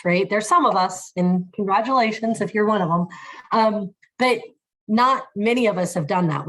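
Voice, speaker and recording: A woman in middle age delivers a guest presentation over a video call. She talks quickly in a chatty, conversational way, with casual fillers along the way, at an ordinary middle pitch. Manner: fast-paced, conversational with fillers. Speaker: guest speaker. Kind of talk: online presentation talk.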